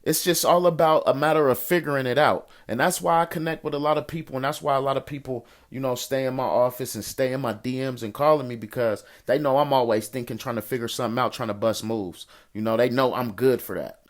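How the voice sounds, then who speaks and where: An American investor and entrepreneur hosts an informal financial coaching call, answering listener questions in colloquial street slang. He's encouraging and repeats phrases for emphasis, talking fast in a mid-range voice with few pauses.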